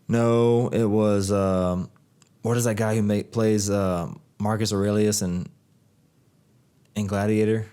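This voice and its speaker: A young man with a fairly low voice hosts a casual podcast chat. He tells stories in a loose, laid-back way and swears freely. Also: little pitch movement, slow pace, warm tone, clear, resonant tone. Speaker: podcast host.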